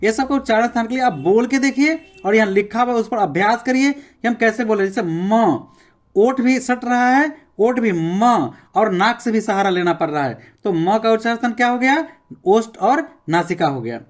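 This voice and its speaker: A male teacher gives a classroom grammar lesson. He says sounds one by one, slowly and with care, and keeps urging listeners to pay attention and try them aloud. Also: sits high, animated. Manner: repeats sounds slowly, enunciating each one as a demonstration.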